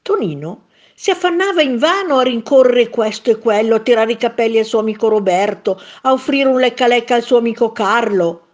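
A woman reading a children's story aloud as storyteller, slow and expressive. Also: a little high, highs cut off.

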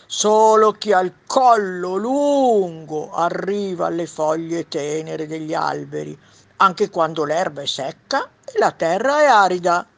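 Firm, loud storybook giraffe, as a woman puts it on, lively pitch. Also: unhurried, vocal fry. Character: tall, loud-voiced giraffe.

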